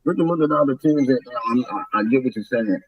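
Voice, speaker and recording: A man co-hosting a casual sports chat who talks hesitantly and repeats himself, his voice coming through muffled, as if only the bass is left. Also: fast, slightly rough. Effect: muffled, bass-only call audio. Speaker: co-host on a sports talk call. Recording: muffled distant lo-fi call line.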